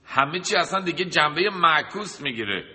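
Male preacher who talks through lists and rhetorical questions, with a forceful bright voice and a long hall echo. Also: a little high, animated. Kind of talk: sermon with a told anecdote. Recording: long reverb of a large hall.

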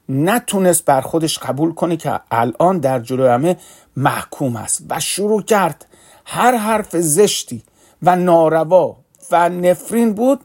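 A man's voice: on the high side, a little mellow. A man giving a sermon in Persian, telling a moral story in an earnest way and acting out the quoted lines.

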